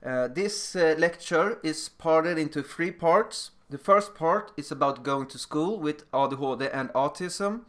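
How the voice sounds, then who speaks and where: Animated and fairly bright, a man with a fairly high voice speaks at a measured pace with hardly any pauses. He is a Swedish middle school teacher lecturing with a Swedish accent, his non-native phrasing plain and slightly non-fluent. It's an informal recorded presentation that includes personal stories.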